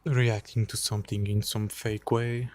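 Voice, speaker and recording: Shivering slightly in the cold outdoors, a man talks into a phone held in his hand for an unedited late-night vlog. His fairly low voice stays level and quiet, halting with frequent pauses and fillers, and there is no room sound.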